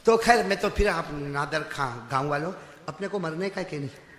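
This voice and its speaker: A man preaching a fiery sermon to a congregation. He swings between soft asides and shouted exhortation, and quizzes his listeners. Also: a little high, slight background noise. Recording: echoey hall with long reverb.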